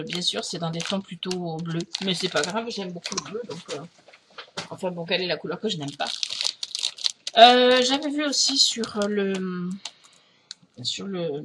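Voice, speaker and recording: A middle-aged French woman, a craft vlogger, chats casually while showing off a craft haul. Her lowish voice is hesitant, full of fillers and restarts, and there is background noise.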